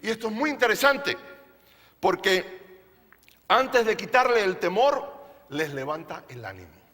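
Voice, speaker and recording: A man with a high, bright, ringing voice preaches to his congregation at an unhurried pace. He leans on emphasis, tosses rhetorical questions at the room and slips in jokes. The sound carries a long church-hall reverb. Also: sing-song. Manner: playful, jokes with the audience. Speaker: pastor. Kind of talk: sermon. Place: church service.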